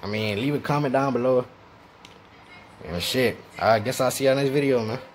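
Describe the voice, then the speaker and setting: A man's voice: medium pitch, normal speed. A man giving a casual, slangy gun review on his channel, talking straight to viewers with a mouth guard in. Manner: slangy, laid-back, addresses viewers directly.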